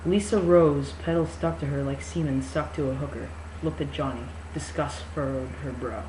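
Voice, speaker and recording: With a mid-range voice at moderate pace, someone reads a novel aloud in amateur mock-drama style, interrupting with incredulous, sarcastic, swearing comments. The room is echoey, with faint noise.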